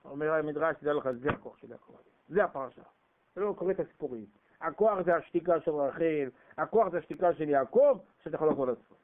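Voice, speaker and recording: A man giving a storytelling sermon on Torah, animated and acting out the people in his stories. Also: on the high side. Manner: animated, acts out voices, rising shouts. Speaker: Torah preacher. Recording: tinny phone-like radio broadcast.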